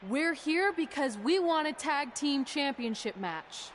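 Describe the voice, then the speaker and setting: A woman's voice: high voice, animated, unhurried, slight background noise. A woman voicing a defiant young wrestler who speaks in a taunting way.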